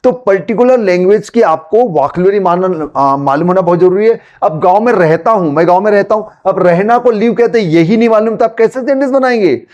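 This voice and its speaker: High-voiced Gujarati-accented man teaching. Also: darkish tone, dull audio. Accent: Gujarati-accented Hindi. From Gujarat, India. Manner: conversational, repeats examples slowly and explains them. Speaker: English teacher. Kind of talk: spoken English lesson.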